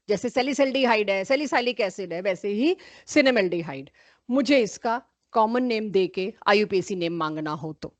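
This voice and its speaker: A woman's voice: medium pitch, no room sound. A woman chemistry teacher giving a live online class, calling on students by name and correcting them firmly.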